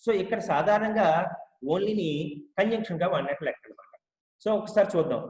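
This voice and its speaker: Echoey man teaching English slowly. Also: sits high, animated, a little mellow. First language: Telugu. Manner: explains slowly, repeating each example and reading English sentences out slowly. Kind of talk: spoken English lesson. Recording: echoey room with long reverb.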